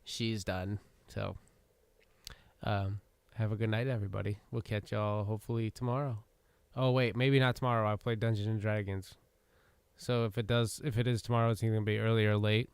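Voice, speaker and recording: A man hosting a gaming livestream who chats loosely, rambles and swears casually while he has the hiccups. His voice is very clear and dry, and he speaks close to the mic. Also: on the low side, flat delivery, fairly quick, dry recording. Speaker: livestream host. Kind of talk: casual gaming stream chat.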